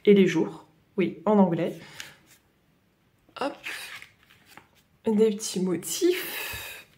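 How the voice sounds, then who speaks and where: Vlogger, young adult woman, Northern French Ch'ti accent, unhurried, halting casual chat. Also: medium pitch, animated, mellow, slight background noise. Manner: hesitant, many fillers and "voilà". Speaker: coloring vlogger.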